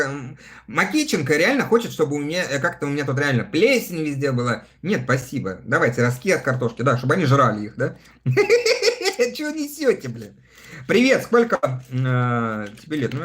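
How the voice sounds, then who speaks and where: A man in his thirties hosts a relaxed livestream, reading viewer chat aloud and answering in a chatty way. His middle-register voice swings widely and expressively, and he laughs often between comments.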